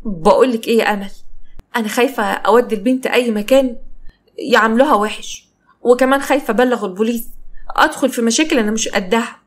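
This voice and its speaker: A woman's voice: a little high, fast, natural voice. A woman voicing an independent young Egyptian woman who speaks frankly and earnestly. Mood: worried. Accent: Egyptian Arabic.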